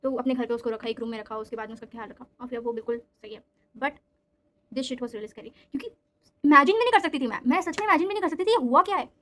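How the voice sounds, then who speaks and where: A young woman telling a story in a casual vlog, animated and mixing in English phrases. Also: high-pitched, fast talker.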